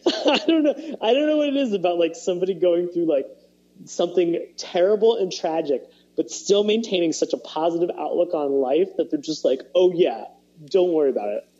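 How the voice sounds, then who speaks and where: A man's voice: high voice, animated, normal speed, dark tone, lo-fi sound. A man on a podcast chatting casually, rambling with many fillers and restarts and laughing as he retells scenes. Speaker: podcast co-host. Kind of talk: casual chat.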